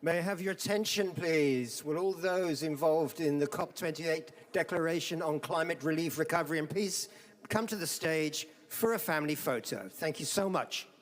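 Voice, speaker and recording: A man calling people to the stage over the intercom in a polite, measured way. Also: on the high side, no room sound. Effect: over the intercom, public address loudspeaker. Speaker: venue announcer. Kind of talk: formal venue announcement.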